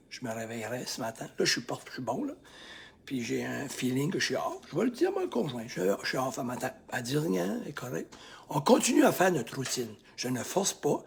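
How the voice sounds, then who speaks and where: A Québécois man with a very husky, breathy voice, pitched a little above most men, speaks as a life coach in a motivational talk to camera. He punches key phrases loudly, then drops to a hushed, almost whispered calm. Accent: Québécois French. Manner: swings between loud emphatic bursts and hushed near-whispers.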